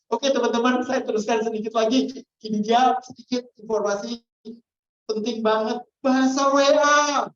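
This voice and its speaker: A woman's voice: a little high, fairly even intonation, normal speed. A woman trainer giving a customer-service training lecture and quizzing the audience as she goes. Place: training hall. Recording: echoey, dull lo-fi room sound.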